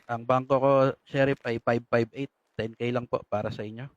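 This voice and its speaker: A man's voice: medium pitch, fairly even intonation, moderate pace, dry recording, muffled recording. A man in a game role-play over voice chat, speaking politely and deferentially. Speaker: role-play player addressed as Doc.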